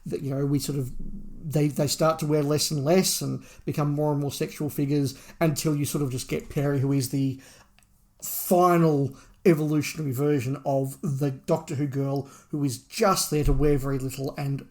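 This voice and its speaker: A podcast co-host gives an opinionated review of an audio drama in casual discussion, frequently repeating phrases for emphasis. His voice is on the high side, slightly mellow, with steady tone and moderate pace.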